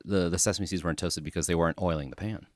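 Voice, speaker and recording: A man's voice: sits low, rapid-fire, no echo, clean studio sound. A man co-hosting a podcast, chatting casually in a wry, joking way. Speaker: podcast co-host. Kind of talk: casual chat.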